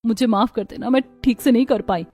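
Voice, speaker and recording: A woman's voice: on the high side, fairly quick, dark tone, close to an everyday voice. A woman voicing a timid, hardworking young daughter-in-law in a cartoon story, speaking meekly and apologetically. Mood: anxious. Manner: meek, apologetic.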